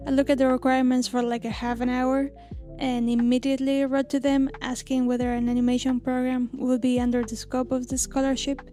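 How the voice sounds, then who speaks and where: A woman in her thirties from Argentina, an illustrator narrating her own story in a gentle, reflective scripted voice-over. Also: high-pitched. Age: 30s. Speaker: illustrator and channel host. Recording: lo-fi music bed under voice.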